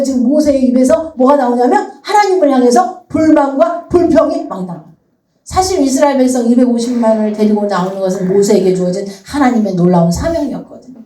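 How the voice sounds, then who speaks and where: Woman pastor, sermon, high mellow voice, roomy church sound from far off. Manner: storytelling with lively acted quotes. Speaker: senior pastor.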